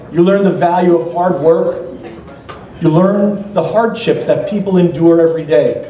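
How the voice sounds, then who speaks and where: The speaker, a middle-aged American man, introduces the keynote at a political gala in a formal, earnest, measured way, with a few light jokes. His voice is on the high side with a warm tone. Standing at a banquet hall podium, he's picked up by the podium mic and filmed from across the room, giving a distant, echoey sound.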